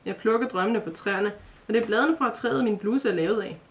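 A woman's voice: medium pitch, natural voice. A woman voicing a shy young male dream spirit in a storybook reading, hesitant and apologetic. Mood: earnest.

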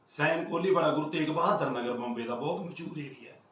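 Man, from Punjab, casual storytelling vlog, animated, echoey room, distant mic. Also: a little high, fast talker. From Punjab, India. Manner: animated, acts out other people's words with swings between loud and hushed. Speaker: vlogger telling a road story. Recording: roomy sound from a distance.

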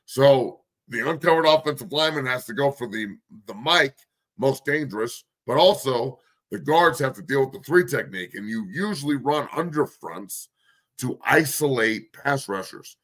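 A man's voice: medium pitch, lively intonation, moderate pace, fairly bright tone. A man hosting a sports talk show, breaking down football schemes in a blunt, profane, coach-like way while losing his voice.

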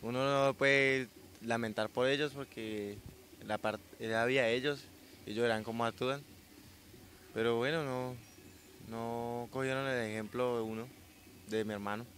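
A sixteen-year-old young man from Colombia, a weightlifter answering interview questions outdoors into a handheld mic, soft-spoken and modest. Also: mid-range voice, fairly even intonation, moderate pace, a little hiss or hum. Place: outdoors by a sports ground. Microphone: handheld reporter mic.

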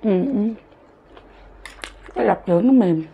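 A woman's voice: mid-range voice, expressive, a little slow, vocal fry, phone-quality sound, slight background noise. A woman, a mukbang vlogger chatting to viewers while chewing with her mouth full. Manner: chatty, addresses viewers directly. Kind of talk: casual eating vlog.

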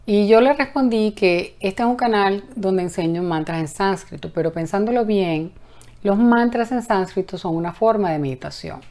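A slightly mellow, mid-range female voice belongs to a mantra teacher in her fifties, who gives a casual lesson while talking into her phone camera at close range in her apartment bedroom. She is talkative, often restarts herself, and chants the mantra slowly.

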